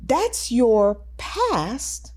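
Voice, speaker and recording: A woman's voice: on the high side, very animated, drawn-out words, darkish tone. A woman co-hosting a talk show, speaking emphatically in casual chat and acting out quotes from others. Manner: emphatic, quotes people in voices. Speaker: podcast co-host.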